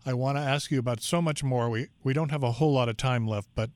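A man's voice: medium pitch, fast, a little mellow, dry recording. A man hosting a broadcast interview as a radio talk show host.

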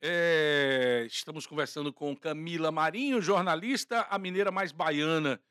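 A man's voice: a little high, moderate pace, a bit bright, clear, resonant tone, dry recording, clean studio sound. A man co-hosting a talk show, teasing and using casual slang as he chats.

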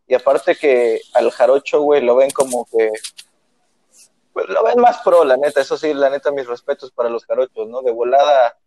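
A man's voice: mid-range voice, normal speed, dark tone, no echo. A man from Veracruz with a Veracruz Mexican accent, chatting casually and peppering everything with slang. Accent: Veracruz Mexican Spanish. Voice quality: slangy, says güey constantly. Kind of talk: casual chat.

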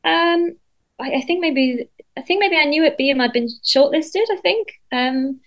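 A woman songwriter talking in a casual interview, chatty and lively, with lots of fillers and restarts and the odd casual swear word. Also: sits high, unhurried, rough recording.

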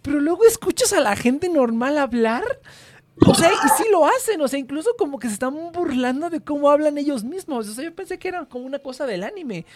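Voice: sits high, animated, fairly quick, a little hiss or hum. A speaker with a Mexican Spanish accent chatting casually on a podcast, rambling with lots of fillers and swearing. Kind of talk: casual chat.

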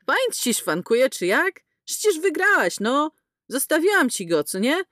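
A brash space pilot woman snaps crude, sarcastic remarks in a bright, lively voice, as a woman reads her. She is blunt and unbothered. The sound is dry and close. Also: high-pitched, measured pace, no echo, pitched above the performer's own voice, exaggerated voice.

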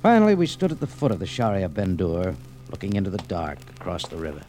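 An actor in a 1940s-50s radio detective drama plays a tough, wry male adventurer narrating his exploits in a grim, punchy, hardboiled style. His deep, warm voice moves fast with huge pitch swings, and the old radio recording is slightly noisy.

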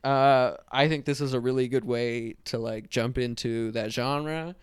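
A man's voice: medium pitch, fairly even intonation, a little slow, clean tone, dry recording, studio quality. Man co-hosting a casual podcast. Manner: playful, teasing banter. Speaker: podcast co-host. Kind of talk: casual chat.

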